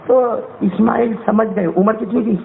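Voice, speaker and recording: A man's voice: sits high, fairly even intonation, vocal fry, a little hiss or hum. A male Islamic preacher telling a story in an emotional sermon, fervently quizzing his audience. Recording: tinny phone-like sound.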